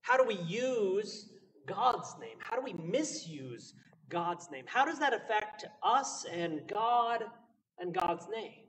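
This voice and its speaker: High-voiced earnest preacher man. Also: lively intonation, slow pace, fairly bright tone, recorded from a distance, a little hiss or hum, poor audio. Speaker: pastor. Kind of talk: sermon.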